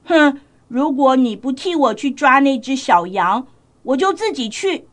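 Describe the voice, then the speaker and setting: A woman's voice: sits high, animated, unhurried. A woman voicing a bossy, hot-tempered male king in a children's storybook tale, with a commanding, blustering manner. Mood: demanding.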